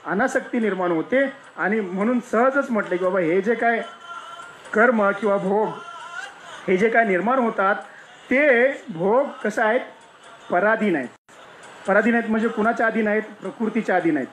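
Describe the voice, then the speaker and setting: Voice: medium pitch, normal speed, a bit bright, a little hiss or hum. Spiritual speaker asking rhetorical questions. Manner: asks rhetorical questions and answers them; explanatory, repeats key points. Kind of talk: devotional discourse with a parable.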